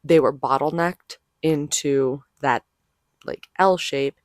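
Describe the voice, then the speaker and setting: A vlogger with a hoarse, worn-out voice, rambling casually and peppering the talk with "like". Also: mid-range voice, slow pace, no echo, studio quality. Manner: rambling, frequent "like". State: hoarse, voice gone. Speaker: vlogger, convention artist. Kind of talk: casual vlog chat.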